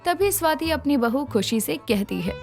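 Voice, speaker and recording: Lively woman narrating a cartoon story. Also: sits high, normal speed, creaky, music in the background. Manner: expressive storytelling.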